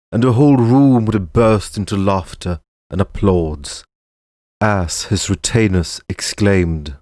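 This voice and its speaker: Deep, slow male storyteller. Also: darkish tone, no room sound, studio quality. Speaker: narrator and voice actor. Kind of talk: storybook narration of a fantasy tale.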